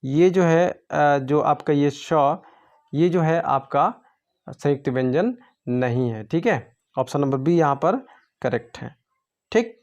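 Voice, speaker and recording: A man's voice: a little high, slow, darkish tone, muffled recording. A man tutoring for an exam, going through quiz answers step by step in a patient way. He asks his own questions and then answers them.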